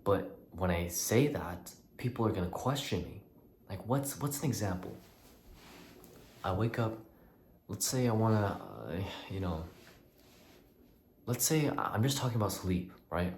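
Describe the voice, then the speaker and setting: A man's voice: low-pitched, moderate pace, pauses often, darkish tone, slight background noise. A young man rambling through a personal vlog rant, swearing freely and sometimes dropping into a whisper, recorded in a small bathroom. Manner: profane, rambling, restarts, drops to a whisper at times. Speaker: vlogger. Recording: echoey small room with faint ambience.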